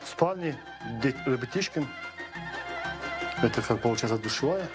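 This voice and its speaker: Tajik-accented man under loud music. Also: mid-range voice, lively intonation, normal speed. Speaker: migrant worker interviewee. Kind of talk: casual interview talk.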